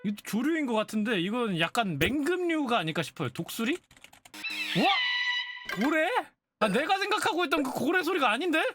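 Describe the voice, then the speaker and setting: A woman's voice: high voice, sing-song, brisk, over music. A woman streamer chatting casually and playfully, exclaiming and guessing aloud. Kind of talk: casual live-stream chat.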